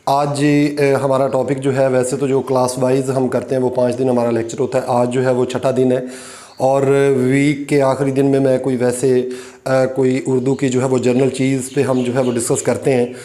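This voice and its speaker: A man teaching an online lecture, explaining slowly with many fillers and repeated examples. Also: medium pitch, monotone, dark tone, reverberant.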